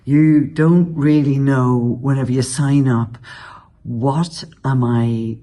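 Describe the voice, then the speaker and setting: A man's voice: medium pitch, steady tone, dark tone. A man thoughtfully describing the uncertainty of joining a community project. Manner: thoughtful, measured. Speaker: film project participant.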